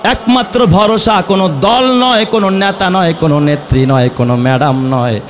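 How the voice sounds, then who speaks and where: High-pitched Bangladeshi man preaching passionately. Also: normal speed, soft background music. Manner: impassioned, rhetorical, repetitive building phrases, chanted Quran verses. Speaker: Islamic preacher, mufti. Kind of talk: rousing waz sermon with call-and-response questions to the congregation.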